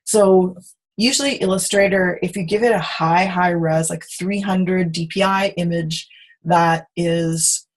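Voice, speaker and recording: Woman, software instructor, video call, lowish voice, husky, chatty, self-correcting. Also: steady tone, unhurried, low-quality recording. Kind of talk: screen-share tutorial.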